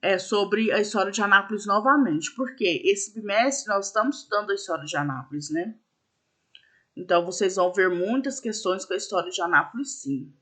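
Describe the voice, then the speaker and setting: A woman's voice: mid-range voice, expressive, a little fast, pushed and bright. A woman teacher patiently explaining a school lesson step by step, with frequent fillers. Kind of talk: recorded classroom lesson.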